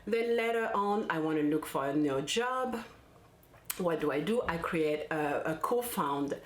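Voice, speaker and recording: Low-voiced woman vlogging. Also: animated, a little slow, echoey room. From France. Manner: warm, chatty, with restarts and fillers. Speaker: parenting coach. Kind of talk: casual personal vlog.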